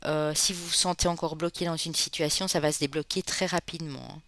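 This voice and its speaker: A fairly bright, mid-range voice with fairly even intonation and no room sound carries this informal tarot reading. The Basque Country reader from Spain chats with viewers, leans on "hein" as a filler, and calls them friends.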